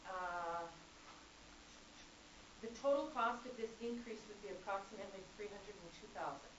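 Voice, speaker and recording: A female accounting instructor reads figures during a formal prepared public comment to a college board, keeping a measured, businesslike tone in her mid-range voice. There is no microphone, and the audio is echoey, distant, dull, and noisy.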